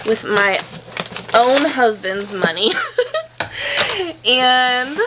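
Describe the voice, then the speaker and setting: A young woman at home chatting casually through an unboxing, gushing and excitable, swearing now and then. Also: medium pitch, a little slow, noisy background. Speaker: plant vlogger.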